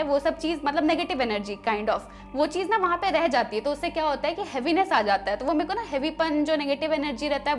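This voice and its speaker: High-voiced woman telling a story plainly. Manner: relaxed, plain-spoken, hesitant. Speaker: guest in a vlog, relative of the host. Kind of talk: casual storytelling.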